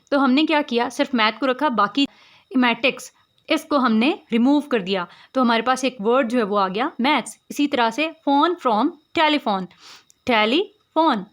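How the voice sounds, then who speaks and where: A woman teaching a lesson, explaining patiently and repeating example words slowly. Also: high-pitched. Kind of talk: explaining word formation in Hindi-English mix.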